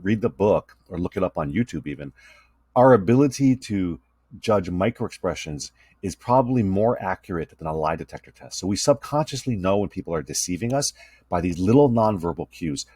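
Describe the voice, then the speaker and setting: A communication instructor with a low, slightly husky voice walks students through his slides in an easy, conversational way, often checking in with "right?". He is recorded close up with no room sound. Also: a little mellow, no echo. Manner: conversational, tag questions "right?" and fillers. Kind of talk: recorded lecture over slides.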